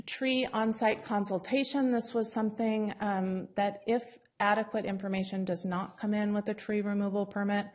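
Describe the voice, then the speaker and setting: A woman on city staff giving a formal presentation to a council, explaining in a measured way with frequent ums. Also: medium pitch, steady tone, a little mellow.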